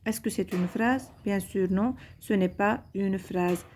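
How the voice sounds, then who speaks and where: A young woman teacher giving a recorded grammar lesson to pupils, repeating each point in a slow, deliberate way. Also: medium pitch, a little mellow, a little hiss or hum.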